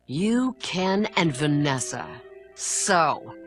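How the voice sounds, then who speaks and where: Pushy bee talk show host in a game, lively teasing voice, music behind. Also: female voice, sits low, extremely slow, exaggerated voice. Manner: probing, teasing interviewer. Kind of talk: video game cutscene acting.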